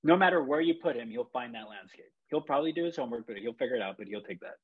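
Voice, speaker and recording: A man's voice: mid-range voice, animated, rapid-fire, breathy edge, phone-quality sound. A man from Chile, a photographer, talking in a rambling, reflective way with many fillers and restarts. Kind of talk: casual podcast chat.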